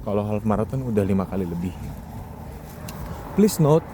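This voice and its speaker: Expressive and fairly low-pitched, a man of roughly thirty, in his 20s or 30s, talks at normal speed while walking outdoors along a street. As a solo podcast host he rambles conversationally, full of rhetorical questions, over clear city traffic and vehicles going by.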